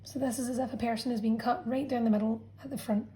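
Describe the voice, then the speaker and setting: A science teacher narrates a revision lesson over a drawn diagram, explaining patiently and often pausing to check in with students. Her slightly high voice is mellow and warm, her intonation fairly even, and the whole thing feels like a friendly classroom explanation, though the audio is poor.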